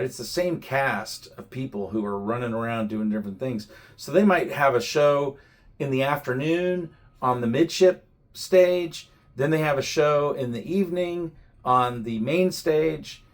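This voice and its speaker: Casual, reflective man hosting a vlog. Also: mid-range voice. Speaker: vlog host. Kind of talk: casual conversational chat.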